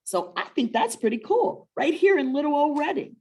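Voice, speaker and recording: With a high, sing-song voice at normal speed, a woman co-hosts a children's story webinar. She keeps the chat casual, warm, encouraging and motivational, checking in often with questions.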